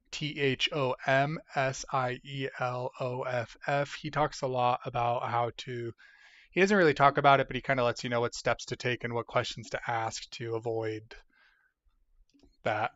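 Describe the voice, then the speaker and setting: A man's voice: mid-range voice, fairly bright tone, no echo, lo-fi sound. Sleepy man rambling on a livestream. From United States. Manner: rambling, reads chat aloud, yawning and tired. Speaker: livestream host. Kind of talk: casual livestream chat.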